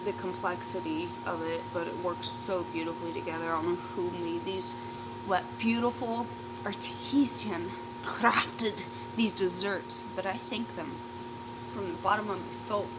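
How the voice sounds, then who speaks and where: A woman's voice: fairly low pitch, steady tone, measured pace, very noisy. A woman vlogger chatting casually in a rambling, sweary storytime, often trailing off and interrupting herself. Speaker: YouTube vlogger. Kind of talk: casual rambling storytime chat while eating.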